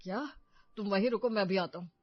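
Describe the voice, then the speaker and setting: A woman's voice: medium pitch, fairly quick, dry recording, dull audio, natural voice. A woman voicing a young man who firmly and indignantly stands up for his mother. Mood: worried. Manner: firm, indignant. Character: young grown son, firm and protective of mother.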